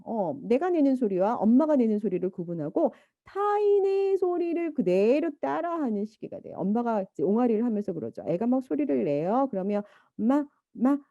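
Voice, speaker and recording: A woman giving a lecture, lively and animated, now and then imitating baby babble and a mother's talk. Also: on the high side, no echo, lo-fi sound. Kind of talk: university lecture.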